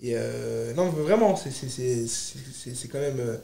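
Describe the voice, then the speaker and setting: A French startup founder, appearing as a podcast guest, chats in a casual, animated way, emphatically repeating and stacking short phrases. His medium-pitched voice is expressive and dark with vocal fry, paced in a measured way, and the sound is roomy.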